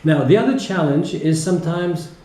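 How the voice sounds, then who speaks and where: A teacher with a French accent gives reflective, explanatory interview answers in a mellow voice on the high side, at normal speed. He speaks hesitantly and often checks in with a short tag. The recording sounds echoey and roomy.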